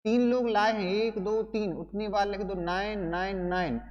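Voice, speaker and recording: A man's voice: high-pitched, fairly even intonation, normal speed, long reverb tail, dull audio. A male teacher giving an exam coaching lesson, playful and chatty, who keeps calling his students brother and explains with wedding and party stories.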